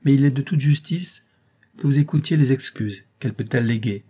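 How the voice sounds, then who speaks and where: A stern young gentleman laying out a grave, measured accusation, as a male reader plays him. His tone is dark and mellow, a little husky. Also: medium pitch, close to an everyday voice. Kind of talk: audiobook reading.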